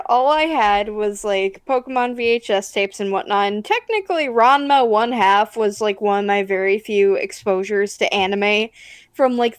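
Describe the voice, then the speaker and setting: A young woman co-hosting a podcast, chatting casually with quick asides. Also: on the high side, clean tone, no echo, studio quality. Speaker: podcast co-host. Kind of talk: casual chat. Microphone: computer mic on a voice call.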